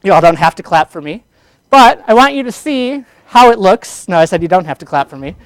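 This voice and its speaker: A male instructor with a high, crisp voice lectures a classroom on public speaking. He is energetic and keeps asking the students questions. The sound is dry and close. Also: fairly quick, no echo.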